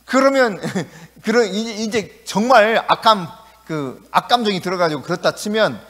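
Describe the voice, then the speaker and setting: A male pastor preaching a sermon in a lively, conversational way in a church. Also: high-pitched, normal speed. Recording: echoey church hall.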